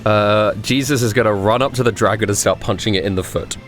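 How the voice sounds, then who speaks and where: A man's voice: lowish voice, fairly quick, a bit bright, soft background music. A man acting as game master, casually narrating and ruling on a tabletop role-playing game.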